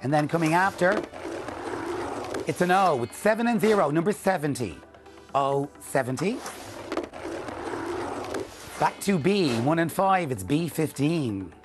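A man's voice: fairly high pitch, expressive, a little slow, long pauses. Male bingo caller over music. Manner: rhythmic, presenterly calling with repeated numbers. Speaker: bingo caller and TV game show host. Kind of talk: bingo caller announcing drawn numbers. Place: indoor TV studio. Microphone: lapel mic.

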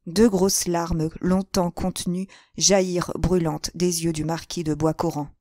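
A woman narrating a classic crime novel as an audiobook, with a measured literary reading. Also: lowish voice, level tone, warm tone, no room sound, studio quality.

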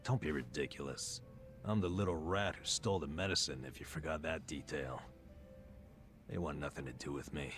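Game drama role: burned-out middle-aged man, self-loathing, extremely low voice. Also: normal speed, a bit bright, faint music behind. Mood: dejected. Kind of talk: English video game drama acting.

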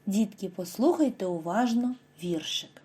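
A woman giving a scripted reading lesson to first graders, speaking clearly and stretching out example words slowly for the children. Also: mid-range voice, expressive, mellow. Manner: slow, over-articulated model words for children. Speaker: primary school teacher.

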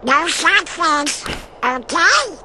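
Donald Duck, squawky high-pitched cartoon duck. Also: male voice, big pitch swings, extremely slow, background noise, exaggerated voice. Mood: bossy. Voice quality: garbled, squawky, quacking. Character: excitable, bossy cartoon duck.

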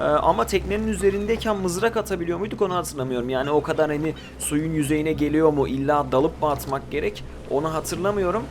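A man gives relaxed gameplay commentary in a slightly higher than usual voice, talking to his viewers and bantering with the creatures he fights. Loud game sound runs clearly behind him. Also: background noise. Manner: chatty, talks to viewers and to the game creatures, swears when startled. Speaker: gaming video host.

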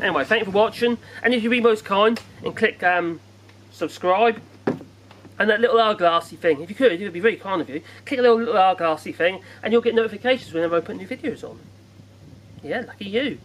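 Male vlogger, rambling jokey unboxing chat, fairly high voice, faint background hiss. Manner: rambling, jokey, self-deprecating. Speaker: gadget reviewer. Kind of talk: casual unboxing chat to camera. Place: outdoors in bright sun.

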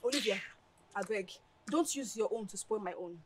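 A woman's voice: medium pitch, expressive, moderate pace, slightly rough. An actress with a Nigerian English accent playing a playful young woman who pleads with her friend for the sake of money, in a film drama. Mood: coaxing. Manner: coaxing, pleading, laughs loudly.

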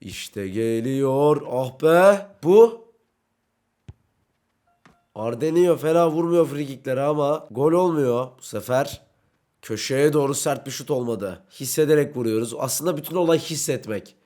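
A young man doing brash, excitable let's-play commentary, talking to himself and his in-game teammates while playing. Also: mid-range voice, normal speed. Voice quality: brash, excitable, swings between shouting and muttering. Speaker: gaming YouTuber.

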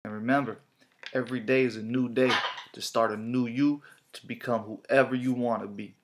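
Guy talking to camera about positive thinking, slangy, kinda repeats himself, normal pitch. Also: fairly even intonation, moderate pace, background noise. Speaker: vlogger. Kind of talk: motivational talk to camera.

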